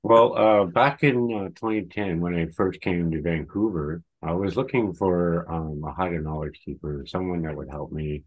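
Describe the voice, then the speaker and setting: Deep-voiced man, halting storyteller. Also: low-quality recording. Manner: halting, hesitant phrasing. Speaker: guest storyteller. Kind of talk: casual spoken storytelling.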